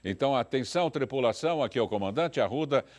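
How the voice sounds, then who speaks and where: A male TV host playing a mock airline captain, calling the crew for takeoff in a theatrical, announcer-like way with drawn-out words. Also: mid-range voice, expressive, a little mellow, close to an everyday voice. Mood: mock commanding. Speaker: TV talk show host.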